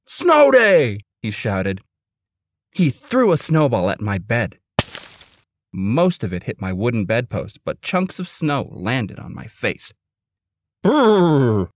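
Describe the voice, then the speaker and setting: A male storyteller reading a children's tale aloud at an unhurried pace. His pitch rises and falls freely as he brings the words to life. The sound is dry and close, with no room around it. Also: no room sound. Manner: expressive, deliberate read-aloud delivery. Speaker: author and narrator.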